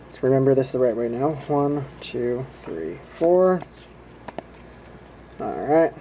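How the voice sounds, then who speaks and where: Mellow, laid-back man chatting casually. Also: mid-range voice, takes it slowly, slight background noise, poor audio. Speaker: host of a trading card pack-opening video. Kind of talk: casual running commentary while opening card packs. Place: indoors at home, hands at a table.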